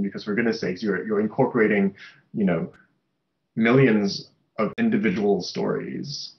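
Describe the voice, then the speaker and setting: A man's voice: fairly low pitch, dull audio. A young man from Malaysia and Singapore, an artist and social worker, reflecting at length in a small room in front of a webcam, often restarting his sentences. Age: young adult. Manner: thoughtful, with many restarts and fillers. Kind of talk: reflective interview monologue. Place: small bright room indoors. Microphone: webcam at desk.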